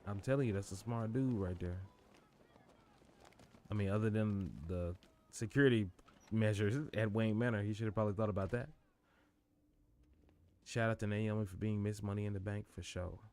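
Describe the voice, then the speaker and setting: A man streaming live gameplay, commenting in an animated, jokey way and laughing easily. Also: on the low side, moderate pace, pauses often. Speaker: gaming streamer.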